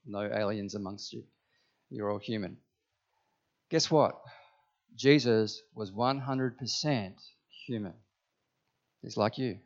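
A man's voice: fairly low pitch, slow pace, long pauses, highs cut off. Emphatic male pastor preaching. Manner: emphatic, questioning the congregation. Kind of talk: sermon. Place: church.

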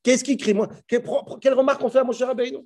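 A man giving an animated scripture class. He recites verses and talks straight to his listeners with emphasis. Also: very high voice, racing. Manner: dramatizes dialogue, switches to Hebrew recitation; addresses listeners directly, emphatic. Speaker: Torah teacher.

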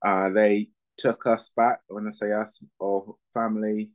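A man in his fifties who grew up in Barbados, a former cricketer and coach answering interview questions in a measured way with lots of ums. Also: on the low side, flat delivery, rough recording. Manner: measured, with frequent fillers.

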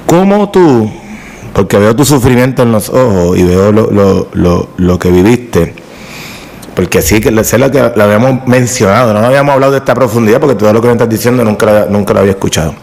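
Sympathetic Puerto Rican host interviewing. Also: male voice, fairly low pitch, brisk, vocal fry, a little mellow. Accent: Puerto Rican Spanish. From Puerto Rico. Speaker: podcast host. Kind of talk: casual interview.

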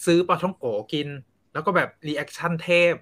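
A man co-hosting a casual podcast chat, telling stories and explaining things in a relaxed way. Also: a little high, a little fast. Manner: chatty storyteller, explaining. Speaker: podcast co-host. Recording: recorded from a live stream.

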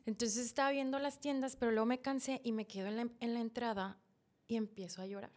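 A woman's voice: a little high, fast. A woman, a podcast guest, telling an emotional personal story and acting out past conversations. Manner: animated, laughs often, retells dialogue.

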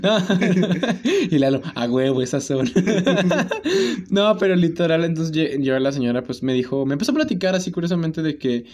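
A young man with a Mexican Spanish accent telling a story in casual chat, slangy and animated, laughing often. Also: sits high, moderate pace.

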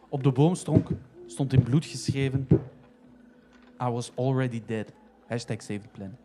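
A man narrating a comic story in a steady, even way. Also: medium pitch, heavy background noise.

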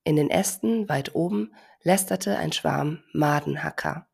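Low, gravelly woman reading a children's story. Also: a little slow, a little mellow. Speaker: podcast reader.

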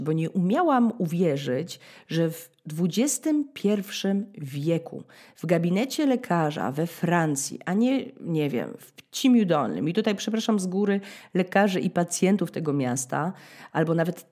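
A woman in her thirties from Poland hosting a podcast, telling a story in a dramatic, ironic way, with sudden high-pitched bursts as she acts out scenes. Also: sing-song, a little slow, warm tone. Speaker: podcast host. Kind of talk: storytelling monologue.

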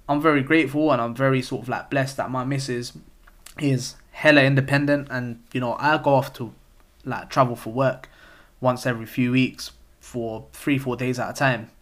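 Laid-back young podcast host. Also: male voice, mid-range voice, a bit bright. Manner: laid-back slang-heavy banter, laughs often. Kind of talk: casual solo podcast chat. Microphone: close podcast mic.

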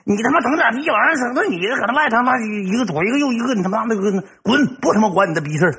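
A woman's voice: fairly high pitch, expressive, rapid-fire, breathy edge, voice pushed up, full character voice. A man voicing an angry middle-aged mother who scolds and curses. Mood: furious. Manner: shouting, cursing scolding.

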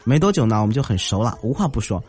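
Male host telling funny stories, mid-pitched, very animated delivery, soft music underneath. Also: rapid-fire. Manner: lively storytelling, mimics others' voices. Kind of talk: comic anecdote narration. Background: faint music.

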